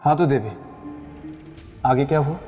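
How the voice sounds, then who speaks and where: A man's voice: mid-range voice, measured pace, muffled recording, natural voice. A man playing a humble, earnest king in a TV mythological drama, speaking in a respectful, formal way. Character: humble, earnest male king, Raja Bhoj. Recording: reverberant studio with music behind.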